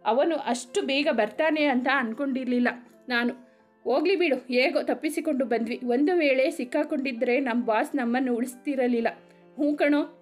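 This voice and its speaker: A scheming hired thug from a storybook, voiced by a woman narrator. He plots in a menacing tone, his voice high and light. Faint music runs underneath. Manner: menacing, plotting.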